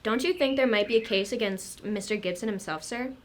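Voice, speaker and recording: A woman's voice: fairly high pitch, brisk, close to an everyday voice. A woman playing a chatty, deferential local police sergeant in an amateur radio drama, with a folksy manner. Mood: earnest, deferential. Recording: clear background noise.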